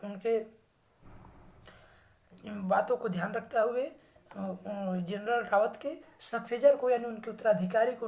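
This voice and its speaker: Slow, higher-pitched Indian woman teaching. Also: a little mellow. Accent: Indian English. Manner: reads English sentences slowly, then explains in Hindi. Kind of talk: slow English vocabulary lesson.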